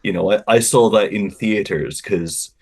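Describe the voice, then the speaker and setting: A man with a fairly low voice tells a humorous personal story in casual podcast conversation. He is wry and self-deprecating. His delivery is halting, with stammers and repeated phrases. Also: creaky, a little mellow, breathy edge. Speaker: guest telling an anecdote.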